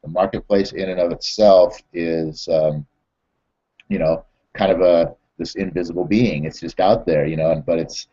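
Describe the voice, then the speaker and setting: A man who trains network marketers, telling stories and recapping a lesson in a halting way full of fillers and repeated words. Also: low voice, steady tone, mellow, lo-fi sound. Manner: repetitive, halting, many fillers and restarts. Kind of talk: storytelling and motivational training recap.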